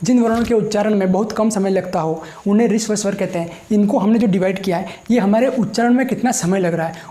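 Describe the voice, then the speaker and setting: A male teacher giving a grammar lesson, who dictates slowly while writing, repeats phrases and asks questions that he answers himself. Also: high-pitched, dark tone.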